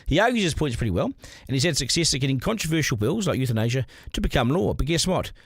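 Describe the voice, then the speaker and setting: A man's voice: medium pitch, very animated, quick pace, breathy edge, dry recording, studio quality. A man, hosting a podcast with a blunt, opinionated monologue. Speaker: podcast host.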